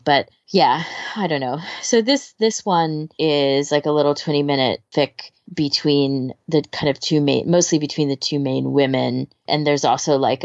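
A woman co-hosting a podcast chats casually and informally, recommending fan fiction audio in a rambling, hesitant way and often trailing off. Her voice is low-pitched and creaky, in a dry recording with the highs cut off.

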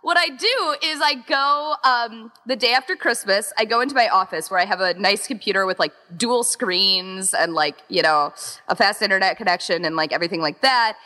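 Interviewed about the fan audio exchange she co-founded and runs, a woman rambles casually, acting out imagined comments as she describes her organizing methods. She speaks at a normal speed with a medium-pitched, bright and forceful voice, heard through long echoing reverb.

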